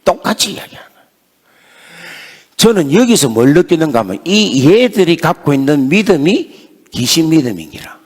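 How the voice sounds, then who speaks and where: A man's voice: a little high, very animated, moderate pace, long pauses, breathy edge. A male pastor with a Gyeongsang Korean accent preaching at a revival meeting, telling a story with emphatic, acted-out dialogue. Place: church revival meeting hall. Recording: reverberant hall sound.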